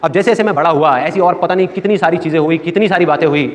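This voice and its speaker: A man's voice: on the high side, very fast. A man giving a live motivational talk to an audience, telling childhood stories animatedly and acting out family members' voices. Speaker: motivational speaker. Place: stage in a large hall with audience. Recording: reverberant hall with audience.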